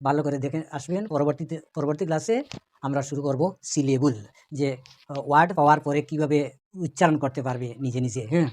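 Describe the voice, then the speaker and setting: A man's voice: fairly high pitch, steady tone, fast, darkish tone. A man giving an online English pronunciation lesson, patiently spelling out words letter by letter. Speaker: English teacher.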